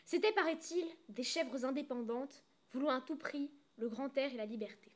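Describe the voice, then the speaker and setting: A woman reading a storybook aloud in a clear, expressive way. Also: sits high, normal speed.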